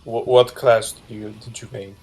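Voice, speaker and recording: A man's voice: mid-range voice, level tone, normal speed, a little mellow, breathy edge, faint music behind. A man hosting a game live stream in casual chat, rambling with a slurred-sounding delivery while hiccuping.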